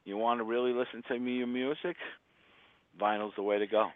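A man's voice: mid-range voice, steady tone, a little fast, no room sound. A man with a Brooklyn accent chats casually on a radio show in a blunt, salty way. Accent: Brooklyn New York. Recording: thin phone-like radio audio.

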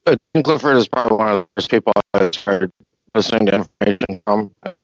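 A man talking as a guest on an online call, in halting, pause-filled casual speech, his audio glitching and cutting out. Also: fairly low pitch, no echo. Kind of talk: casual chat. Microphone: online call mic. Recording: dull lo-fi call line.

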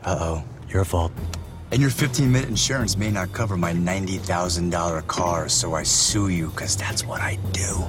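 A man's voice: low voice, moderate pace, natural voice. A man playing a smug chaos-causing rich executive. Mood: gleeful menace. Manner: gleeful, boastful, drops to sly asides. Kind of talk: insurance radio ad. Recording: ad played with music bed.

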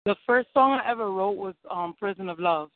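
A New York City singer and rapper, interviewed as a guest, replies fairly quickly in a mid-range voice with no echo. She's bright and eager, laughing easily, and the recording has a dry, tinny, phone-like quality.

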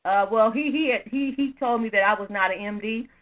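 A woman talks over a speakerphone, her voice thin and tinny down a phone line with a steady mains hum behind it. She rambles in a chatty, upbeat way and laughs easily, calling in from her home office. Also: a little high, brisk. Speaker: caller to a prayer line. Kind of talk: casual phone call.

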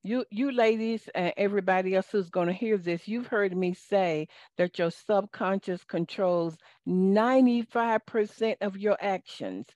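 A woman's voice: medium pitch, darkish tone, no echo. A woman with a Southern accent, hosting a live call-in coaching show in a folksy, preachy manner. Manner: folksy, preachy, talks slowly. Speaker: life coach and host. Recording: dull lo-fi audio, dry.

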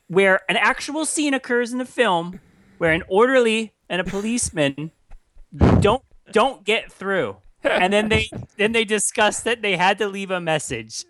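A man's voice: high voice, a bit bright, dry recording. Amused stammering man on a movie podcast. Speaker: podcast co-host. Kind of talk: casual film-review chat.

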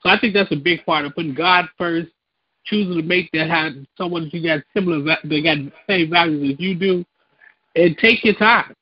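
A man's voice: fairly high pitch, no room sound. Man on a clipped phone line. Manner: hesitant, halting with many ums and repeated words. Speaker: radio show caller. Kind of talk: call-in radio chat.

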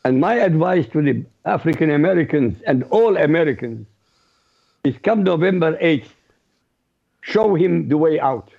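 Gravelly man, blunt. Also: on the high side, animated, normal speed. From Iraq. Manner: blunt, outspoken, laughs easily. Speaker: regular co-host panelist. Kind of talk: radio talk show commentary. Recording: muffled lo-fi line.

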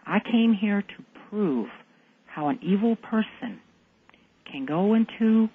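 A woman calling into a radio talk show, speaking in an intense, deliberate and defiant way. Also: medium pitch, expressive, husky. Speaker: caller. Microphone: phone. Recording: tinny phone line.

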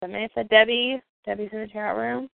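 A woman's voice: fairly high pitch, fairly even intonation, brisk, creaky, dry recording. A woman hosting a call-in show, chatting casually with callers and laughing often. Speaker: host of a call-in radio show. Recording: tinny phone line.

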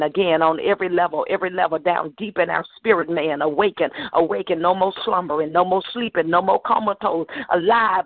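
A man with a high, bright voice leads a fervent prayer, chanting words over and over and breaking into tongues. The sound is thin and boxy, as if it came down a phone line, with no room echo. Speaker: preacher leading prayer. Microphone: phone line to a radio prayer call.

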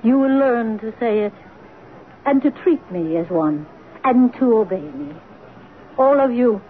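An actress playing a cold, domineering stepmother in an old radio drama, speaking in crisp, clipped commands. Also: fairly high pitch, animated, measured pace. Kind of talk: 1940s radio acting. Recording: tinny old radio broadcast with hiss.

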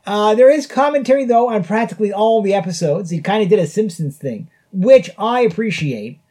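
A man's voice: high-pitched, lively intonation, brisk, mellow. A man hosting a podcast, reviewing a show in casual chat and chuckling often between phrases. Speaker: podcast host. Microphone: podcast mic.

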